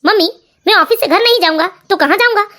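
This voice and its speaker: A woman voicing a grown son who firmly lectures his mother and wife in an animated family story. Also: extremely high pitch, fast talker. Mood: stern.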